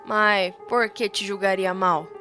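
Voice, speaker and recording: A woman voicing a proud middle-aged rancher father in a retold soap-opera scene, dropping her voice low and soft to console and brood. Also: steady tone, takes it slowly, faint music behind. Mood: gentle.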